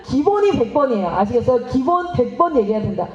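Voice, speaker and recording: A woman missionary speaks to a seminar with a very high, animated voice, quizzing her listeners and slipping into the voices of parents and kids. The sound is roomy and a little dull, as if picked up in a hall. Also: quick pace, a crowd in the background. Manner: animated, asks the audience questions and acts out parents and children. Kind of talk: lively seminar lecture.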